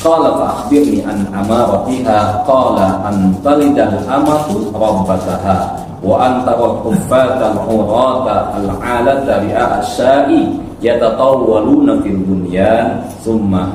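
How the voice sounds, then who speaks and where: Speaking in a lowish, darkish voice, a man lectures a congregation on hadith as a preacher, teaching in a didactic way. He keeps checking in with short "ya" tags and questions to confirm understanding. Sound comes from a distant mic in a very echoey hall, with faint noise.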